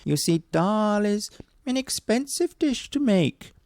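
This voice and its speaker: A man's voice: expressive, takes it slowly, darkish tone, no echo, studio quality, exaggerated voice. Man doing a sly, hungry woodman. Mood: crafty. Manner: sly, wheedling, rising pitch. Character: crafty, hungry poor male woodman. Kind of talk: storybook read-aloud.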